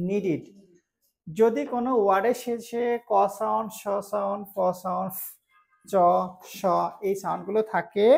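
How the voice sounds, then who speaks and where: A woman with a Bangladeshi accent teaching English pronunciation, explaining slowly, repeating each word and asking if it is clear. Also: medium pitch, a little mellow. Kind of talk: spoken English lesson.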